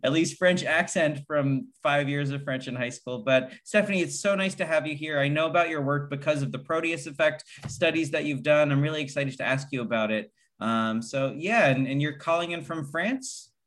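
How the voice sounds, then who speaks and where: A man's voice: fairly high pitch, moderate pace, few pauses, fairly bright tone. A man hosting a podcast interview, enthusiastic and friendly. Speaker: podcast host. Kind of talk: casual interview.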